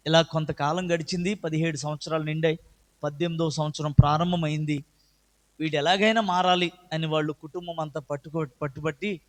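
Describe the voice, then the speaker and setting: A middle-aged man giving an earnest personal testimony at church, his voice swelling loud and high at moving moments. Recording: echoey hall with long reverb.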